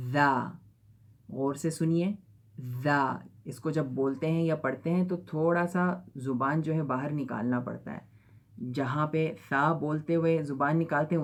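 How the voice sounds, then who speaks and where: A man teaching an Arabic pronunciation lesson, who stretches out each model sound and keeps checking "theek hai?" with his learners. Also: fairly high pitch.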